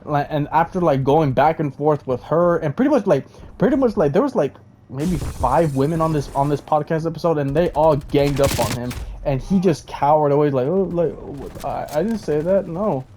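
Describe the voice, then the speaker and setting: A man's voice: on the high side, brisk, dark tone, slight background noise. A man giving casual rambling commentary, stammering and restarting, often checking in with "okay?". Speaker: commentary vlogger.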